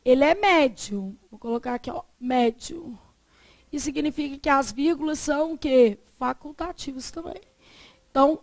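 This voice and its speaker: A lively woman teaches a Portuguese grammar lesson, quizzing the class and answering her own questions. Her voice is high-pitched, and there's no echo.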